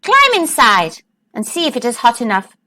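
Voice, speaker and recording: A woman's voice: fairly high pitch, wildly swooping pitch, normal speed, sharp tone, heavily acted. A woman doing a wicked old witch, bossy and snappish, storybook read-aloud, swooping voice. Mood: coaxing.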